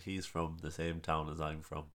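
A man with a deep voice and a sing-song Kerry Irish accent. He talks like a lilting storyteller in casual conversation, pausing and doubling back on his words as he goes. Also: level tone, a bit bright. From County Kerry, Ireland. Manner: lilting, musical way of speaking. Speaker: storyteller, podcast guest.

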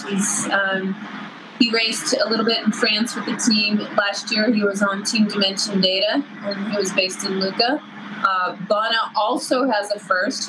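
Middle-aged woman telling stories over background noise. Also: medium pitch. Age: 50s. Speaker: guest, cycling team staff. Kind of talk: conversational personal storytelling.

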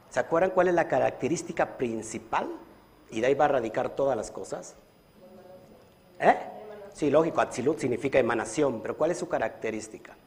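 A man's voice: medium pitch, darkish tone. A man leading a livestreamed religious study lesson as a Kabbalah teacher, earnestly asking his audience questions and stretching out key words. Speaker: Kabbalah teacher and community leader.

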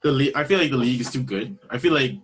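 A man's voice: medium pitch, animated, rapid-fire, slightly rough. A man on a sports talk panel, casually debating and reasoning out his points.

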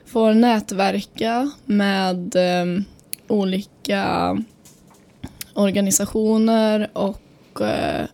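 A woman's voice: medium pitch, fairly even intonation, vocal fry. A young woman in her twenties, a podcast co-host recovering from a cold, chatting casually with many hesitations. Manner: hesitant, many fillers, trails off softly. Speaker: podcast co-host, psychology student. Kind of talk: casual chat.

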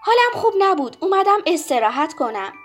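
A woman voicing a kind father who feels unwell and speaks softly and wearily in a children's story. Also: high voice, very animated, soft background music, voice pushed up. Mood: weary. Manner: weary, soft-spoken.

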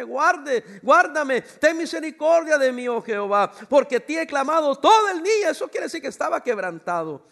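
High-voiced male pastor preaching emphatically. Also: fairly bright tone. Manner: emphatic preaching, prompting the congregation to answer. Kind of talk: sermon.

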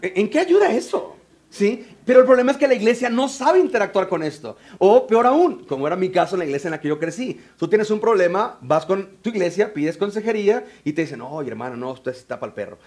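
High-voiced, animated Mexican pastor. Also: male voice, brisk. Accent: Mexican Spanish. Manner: animated, joking, acts out voices. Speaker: pastor and biblical counselor. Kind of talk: sermon. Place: church before a congregation.

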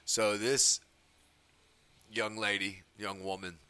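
A man, co-hosting a podcast and telling stories in a rambling, animated, slangy way. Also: on the low side, slow pace, clean tone, no room sound. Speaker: podcast co-host. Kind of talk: casual chat and storytelling.

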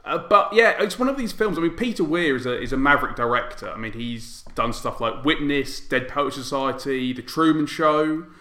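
A man's voice: medium pitch, animated, moderate pace, hardly any pauses, pushed and bright. A man co-hosting a casual film podcast, chatting with frequent restarts. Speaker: podcast co-host. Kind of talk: casual film review chat. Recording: echoey room.

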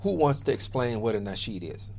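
A man's voice: medium pitch, animated, brisk, vocal fry, a little mellow, slight background noise. A man hosting a casual radio interview, often repeating words as he starts his phrases. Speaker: radio show host.

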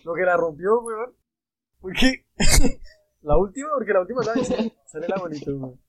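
A young man hosting a casual podcast chat, telling animated stories full of swearing. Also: high voice, moderate pace, rough recording. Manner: animated crude storyteller, swears a lot. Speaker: podcast host.

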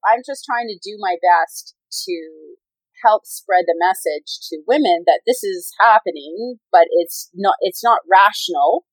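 A woman's voice: medium pitch, measured pace, no echo, poor audio. Chatty woman in her forties, dry sound. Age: 40s. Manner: chatty, rambling, many fillers and restarts. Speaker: professional triathlete and coach. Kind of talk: casual interview conversation.

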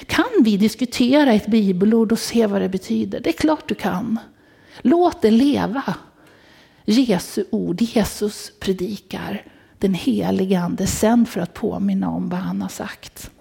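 A woman's voice: mid-range voice, creaky, warm tone, husky. A woman preaching a conversational sermon in church, often putting questions to the congregation.

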